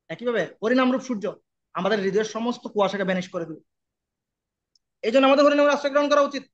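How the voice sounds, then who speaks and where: A man's voice: extremely high pitch, a bit bright, lo-fi sound. A man giving a devotional sermon, asking his listeners questions and chanting Sanskrit verses. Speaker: preacher.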